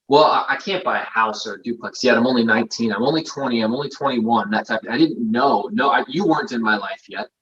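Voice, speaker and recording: A man's voice: medium pitch, a bit bright. A man in his thirties, a guest in a casual interview, explaining things confidently with lots of figures. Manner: confident, explanatory, numbers-focused. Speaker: guest investor. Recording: dull lo-fi audio.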